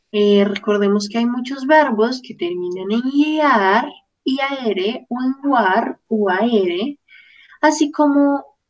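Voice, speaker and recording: A woman leads a grammar lesson in a slightly high voice, speaking slowly and deliberately. She drills each word in turn with the patience of a teacher. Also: highs cut off. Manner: careful, drilling word lists. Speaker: Spanish teacher.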